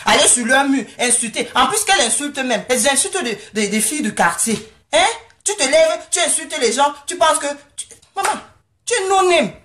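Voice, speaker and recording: A woman ranting straight to camera from home, scolding and mocking her critics, often pausing to ask if they understand. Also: a little high, fairly bright tone. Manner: confrontational, scolding, keeps asking "you understand?"; mocking and sarcastic. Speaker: vlogger answering critics. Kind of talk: angry rant straight to camera.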